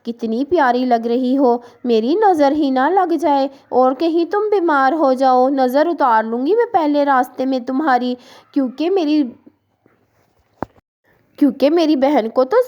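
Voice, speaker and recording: A woman voicing a scheming, sweet-talking female kite bird in a cartoon story, coaxing her prey with gushing flattery. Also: sits high, a little slow, lo-fi sound. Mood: flattering.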